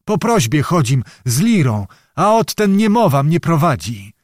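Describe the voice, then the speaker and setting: A man's voice: fairly high pitch, sing-song, unhurried, no room sound, studio quality, pitched above the performer's own voice. A man voicing a frightened, evasive old male beggar who plays the lyre, pleading in a Ruthenian peasant dialect. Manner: whining, pleading peasant speech.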